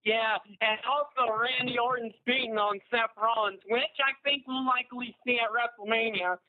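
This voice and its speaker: A man in his twenties calling in to a live podcast, talking eagerly with halting restarts over a phone line. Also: very high-pitched, fairly even intonation. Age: 20s. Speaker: caller.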